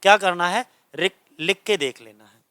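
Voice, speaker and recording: A man from India teaches a grammar class, with a high voice and a crisp, smooth tone. He explains patiently, says each rule again and keeps asking if students understand. The recording is dry and close. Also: normal speed, bright, forceful tone, no room sound. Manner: explains patiently, repeats points and checks understanding. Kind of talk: classroom lesson. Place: coaching centre classroom.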